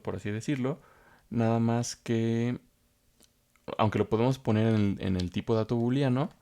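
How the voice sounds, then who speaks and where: Calm and low-voiced, a man explains code as a programming instructor in a screen-recorded coding tutorial. He goes step by step, repeats phrases, and uses lots of fillers.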